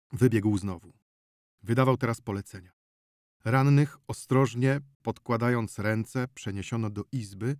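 A man reading an audiobook novel in a measured, steady narration close to the mic. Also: lowish voice, no room sound.

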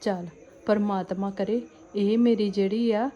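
A woman's voice: medium pitch, fairly even intonation, a little slow, dark tone, lightly acted. A woman playing a scheming, greedy middle-aged mother-in-law who chats with a Punjabi accent and mutters greedy asides. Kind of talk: comedy skit acting.

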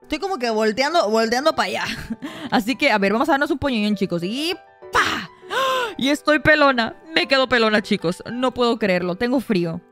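Animated squealing woman gamer. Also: fairly high pitch, normal speed, faint music behind. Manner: animated, squealing and shrieking at mishaps, addresses viewers as chicos. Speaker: gaming youtuber. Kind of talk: excited Roblox gameplay commentary.

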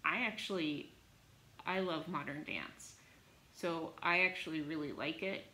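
A young woman teaches a music lesson in a casual, chatty way, full of fillers, building her story with animated energy. Her voice sits on the lower side. The room is echoey, with a faint hiss underneath. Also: a little slow.

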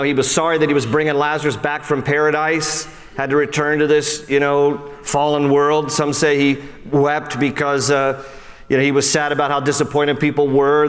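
A man preaching a sermon, animated, often dropping low and soft for emphasis and speaking straight to his listeners. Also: long reverb tail. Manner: acts out quoted voices and speaks straight to listeners. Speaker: pastor.

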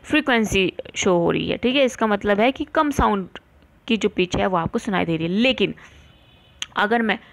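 Woman, science teacher, mid-range voice, question-and-answer lecturing, slow deliberate textbook reading. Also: mid-range voice, expressive, gravelly, slight background noise. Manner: explains in Hindi mixed with English terms, asks and answers her own questions; reads textbook lines slowly and deliberately. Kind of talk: classroom lecture for students.

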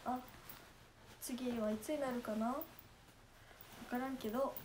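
A young woman with a Nagasaki dialect chats playfully and laughs often as she answers her viewers. Her voice sits a little high, and a faint hiss of noise runs under the talk. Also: steady tone, a little slow, a little mellow. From Japan, Nagasaki. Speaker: idol livestreamer. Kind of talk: casual livestream chat.

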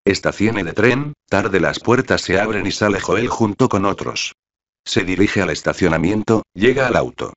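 A man reads a screenplay aloud, stage directions and all. His voice is low and his delivery stays flat and monotone. The recording sounds dull and lo-fi. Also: moderate pace.

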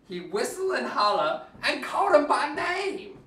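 This storyteller's voice is extremely high, very animated, bright and forceful as he reads a picture book in Cajun dialect at an unhurried pace, hamming it up in a playful, theatrical way. An echoey room and a distant mic color the sound.

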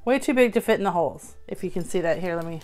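A woman's voice: lowish voice, lively intonation, quick pace, a little mellow, soft background music. A middle-aged woman casually showing her thrift store finds on a tabletop, chatty and upbeat, with plenty of fillers. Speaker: thrift haul vlogger. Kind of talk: casual haul show-and-tell. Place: indoors at a table.

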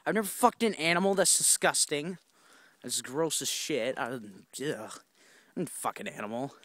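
A young man vlogs as he walks a wooded trail, telling a profane, rambling story into his handheld phone with lots of fillers and restarts. His fairly high voice is animated and a bit bright at normal speed, and the audio is clean and studio-like without echo.

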